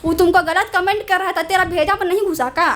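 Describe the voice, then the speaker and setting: A woman's voice: extremely high pitch, steady tone, fast, a bit bright. A woman quoting her blunt teen schoolgirl friend, scolding.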